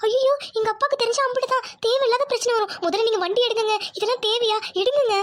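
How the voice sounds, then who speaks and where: A woman's voice: very high-pitched, steady tone, quick pace, a bit bright. A woman voicing a timid young village wife. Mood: pleading. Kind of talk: cartoon voice acting.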